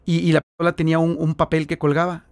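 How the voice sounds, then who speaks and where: Mexican-accented male missionary guest, high-pitched, dry close sound, lively storyteller. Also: quick pace, creaky, no room sound. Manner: animated, acts out the voices in his stories. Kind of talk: storytelling in an interview.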